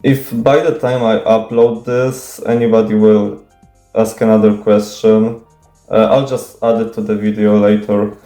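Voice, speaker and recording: In an echoey room with faint music, a young native Polish speaker answers viewer questions in an off-the-cuff monologue, hesitant and stuttering, with many restarts, fillers, and casual swearing. His lowish voice is warm, flat in delivery, and unhurried.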